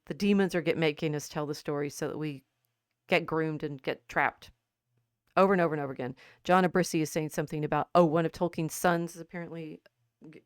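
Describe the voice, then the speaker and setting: A woman's voice: sits low, clear, resonant tone, no room sound, studio quality. A woman co-hosting a casual discussion podcast, reading quotations aloud and musing with frequent restarts. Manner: thoughtful, halting, many restarts. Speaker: podcast co-host.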